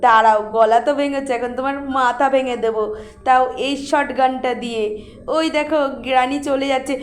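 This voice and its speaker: A woman hosting a gaming channel, giving excitable, casual commentary on her gameplay and chatting to her viewers. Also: high-pitched, roomy sound. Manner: excitable, quick exclamations and talking to viewers.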